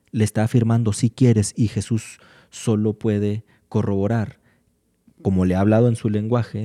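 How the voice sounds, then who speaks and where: A man talks through his points in a calm, explanatory way, pausing often with fillers. His voice sits low and has a deep, mellow warmth. He sounds like a guest in an unhurried conversation about faith. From Mexico. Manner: measured, explanatory, pauses with fillers. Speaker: guest speaker.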